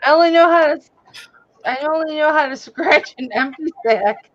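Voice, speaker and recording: A woman's voice: high voice, moderate pace, a bit bright, muffled recording, a little hiss or hum. A woman chatting and teasing on a casual live stream, laughing often. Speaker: guest on a reseller live stream. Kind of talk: casual joking chat.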